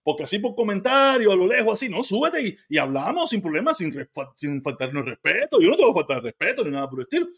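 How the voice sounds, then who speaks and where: A man's voice: high-pitched, sing-song, fairly bright tone, husky. A man from Cuba with a Cuban accent, hosting a casual livestream and answering viewer comments in a heated, argumentative way. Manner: heated and argumentative, talks fast and repeats himself. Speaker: livestream host.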